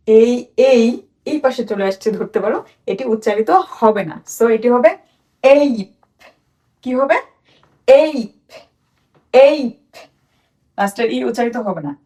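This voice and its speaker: Bangladeshi woman teaching phonics, high voice. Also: fairly even intonation, dark tone, distant mic. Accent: Bangladeshi Bengali. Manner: repeats sounds slowly for children to copy. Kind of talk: children's phonics lesson.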